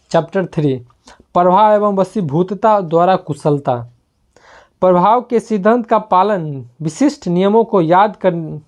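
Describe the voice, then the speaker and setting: A woman reading a self-help book aloud in a steady manner, with small slips and restarts. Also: on the low side. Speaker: book reader.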